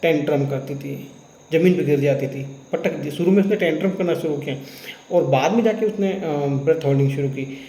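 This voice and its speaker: A homeopathic doctor explaining a patient case in a lecture, retelling what happened with quoted dialogue and slipping into terms spoken. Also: male voice, a little high, fairly quick, mellow, echoey room, low-quality recording.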